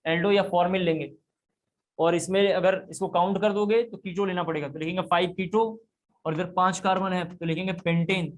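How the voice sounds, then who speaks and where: A man teaching a chemistry class, explaining step by step and repeating key points. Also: sits high. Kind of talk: classroom lecture.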